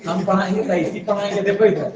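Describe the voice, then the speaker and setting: A man's voice: high-pitched, fast, dull audio, a crowd in the background. A male grammar teacher, teaching a class and drilling rules by asking his students to repeat. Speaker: Hindi and Sanskrit grammar teacher. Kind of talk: classroom lesson. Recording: echoey classroom from far off.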